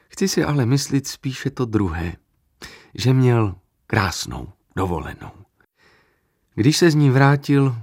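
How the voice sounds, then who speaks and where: A man narrating a literary story in the first person, in a measured, dramatic way. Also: fairly low pitch, darkish tone, dry recording, clean studio sound.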